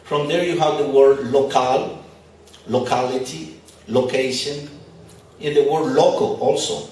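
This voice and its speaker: At an expo, a man whose first language isn't English gives a live spiritual talk that's conversational and lightly humorous. His medium-pitched voice is a little mellow. The large hall echoes heavily, the mic sits far from him, and there's slight background noise.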